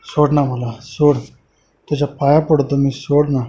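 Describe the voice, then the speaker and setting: A man's voice: on the high side, level tone, a little slow, warm tone, natural voice. A man voicing a terrified young villager begging to be let go, in a dull lo-fi recording with faint hiss. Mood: pleading.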